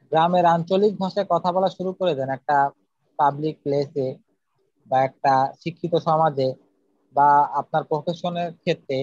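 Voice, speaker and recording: A man from Bangladesh teaches a spoken public speaking lesson, earnestly and methodically working through numbered points. His voice is on the high side with a darkish tone, in a slightly dull, dry recording.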